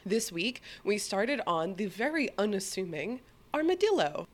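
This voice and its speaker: A young woman co-hosting a podcast, playful and excitable, laughing often. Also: medium pitch, unhurried. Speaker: podcast co-host. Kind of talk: casual chat.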